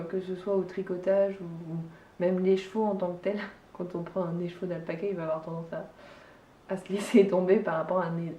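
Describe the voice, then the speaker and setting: A woman's voice: fairly low pitch, a little hiss or hum. A woman with a French accent chatting casually about her knitting and hand-spun yarn, with lots of hesitations and restarts. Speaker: knitting vlogger. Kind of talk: casual chat. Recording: dull, echoey room from far off.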